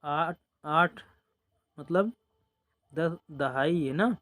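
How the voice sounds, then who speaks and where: A man with a somewhat high, slightly bright voice teaches a basic number-system lesson one step at a time. He explains patiently, repeats numbers, draws out his counting, and often says "dekhiye" and "ok." It sounds like slow, step-by-step classroom teaching.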